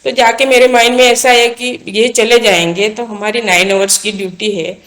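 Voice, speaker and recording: As an interview guest, an earnest woman with a fairly bright voice on the high side tells of a personal faith experience in plain, casual talk. Her delivery is flat and moderately paced, and she keeps repeating and restarting phrases as the story unfolds.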